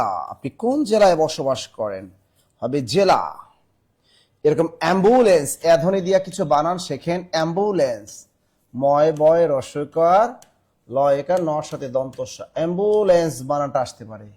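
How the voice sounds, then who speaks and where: A man with a Bangladeshi Bengali accent teaching a live online spelling class, spelling words out letter by letter and urging students to answer fast. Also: fairly high pitch, dark tone.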